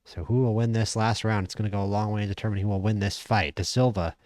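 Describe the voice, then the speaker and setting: A man casually commentating a boxing management game, chatty and opinionated, stammering when he gets excited. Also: on the low side, fast talker. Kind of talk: casual play-by-play commentary over a boxing sim.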